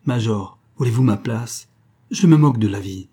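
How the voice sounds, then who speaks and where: A man voicing a rough, bellowing grenadier soldier, blunt and brave, who shouts his lines gruffly in a storybook reading. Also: mid-range voice, normal speed, lightly acted. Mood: defiant.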